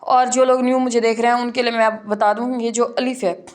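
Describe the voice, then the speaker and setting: Teaching an online class on reading the Quran, this woman lays out the rules before slowly spelling letters and stretched-out syllables. She speaks at a fairly high pitch with little pitch movement.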